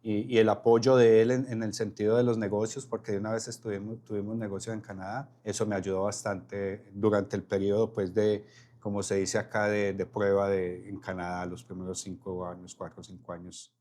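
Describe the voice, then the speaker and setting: A man's voice: on the low side, little pitch movement, fairly quick, dark tone. A man, a podcast guest telling his story with frequent restarts and repeated words. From Colombia. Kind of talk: casual interview conversation.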